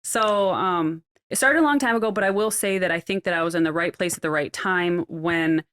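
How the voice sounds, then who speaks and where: A middle-aged woman with a Midwestern American accent chats on a podcast. Her voice sits a little low, and her talk is loose and friendly, full of fillers and small laughs. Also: fairly quick, fairly bright tone, smooth. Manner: chatty, laughs often, uses many fillers. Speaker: podcast guest, hair stylist. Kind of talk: casual podcast chat.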